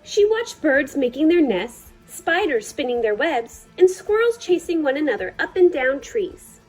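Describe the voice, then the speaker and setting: Female storytime reader, high and very melodic, soft-toned, deliberate phrasing, faint music underneath. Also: sing-song, rough recording. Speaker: librarian reading a picture book aloud. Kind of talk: children's storytime read-aloud.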